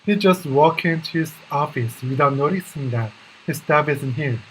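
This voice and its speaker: A man with a Korean accent, a native Korean speaker, doing English shadowing practice, echoing lines a beat behind and repeating them haltingly. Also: on the high side, fairly bright tone, slight background noise. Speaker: live-streaming English learner. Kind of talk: shadowing practice, repetitive drilling.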